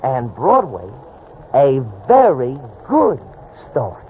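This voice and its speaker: Eager, wheedling racetrack hustler. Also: male voice, medium pitch, huge pitch swings, slow. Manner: wheedling, stilted slangy phrasing. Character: eager, shifty small-time racetrack tout. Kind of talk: old-time radio drama acting. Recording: muffled, noisy old radio recording.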